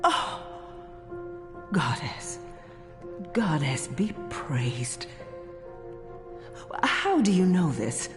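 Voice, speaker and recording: An actress playing a dignified, gentle older religious leader in a video game, solemn and caring. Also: female voice, low-pitched, very animated, very slow, pauses often, heavily acted. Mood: moved, concerned. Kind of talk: dramatic video game acting. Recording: long hall reverb with music.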